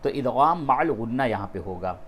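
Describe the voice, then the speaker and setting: A man's voice: medium pitch, animated, fairly bright tone, slight background noise. Patient male Quran reading teacher. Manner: patient, explains rules step by step and repeats key terms; switches between plain explanation and slow, drawn-out melodic recitation. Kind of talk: step-by-step tajweed lesson.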